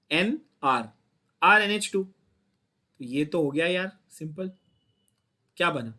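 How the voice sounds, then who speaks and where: The voice is a little high, bright, and forceful, belonging to a man with an Indian accent. He teaches chemistry to a class, breaking ideas into steps and checking in with students often.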